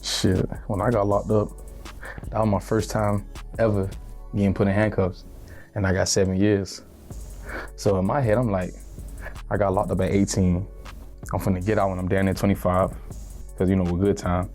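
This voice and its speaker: Laid-back young man, flat and low. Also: normal speed, pauses often, soft background music. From Miami, Florida. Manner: laid-back street slang, lots of "you feel me". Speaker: rapper, interview guest. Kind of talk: casual interview.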